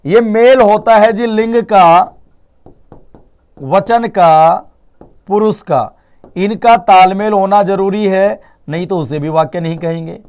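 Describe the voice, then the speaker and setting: High-voiced male Hindi teacher. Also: slow, clean tone. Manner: lively, repeats key points as questions to students; mixes English words into Hindi teaching. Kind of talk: live online exam-prep class. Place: online classroom studio.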